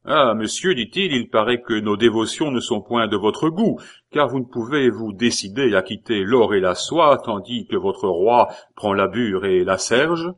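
Man reading a cross king scolding a courtier, low voice, audiobook. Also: expressive, measured pace. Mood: reproachful. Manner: reproachful. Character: reproachful male king, stern and displeased.

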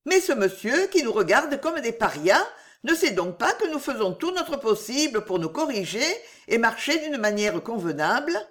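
A woman doing a vain young society lady, high and exclaiming. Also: very animated, normal speed. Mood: indignant. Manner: indignant, exclamatory, high-pitched. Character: young elegant Spanish lady, sentimental and vain. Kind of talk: audiobook reading.

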